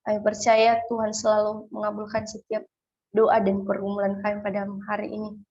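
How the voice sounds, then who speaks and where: A woman's voice: medium pitch, monotone, moderate pace, warm tone, highs cut off, slight background noise. A woman closing a church service with a spoken prayer over a call. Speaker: prayer leader.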